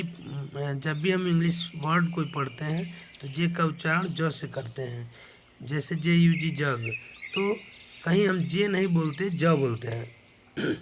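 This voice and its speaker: A man teaching a slow spoken lesson, patiently going over each letter and its sound again and again. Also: fairly high pitch, fairly bright tone, a little hiss or hum. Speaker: English teacher. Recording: clear bird sounds in background. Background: birdsong.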